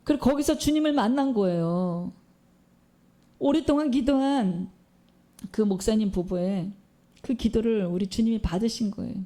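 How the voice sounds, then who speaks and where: A woman's voice: a little high, normal speed, pauses often, dark tone. A woman preacher giving a sermon in a church, telling a story and posing questions to the congregation.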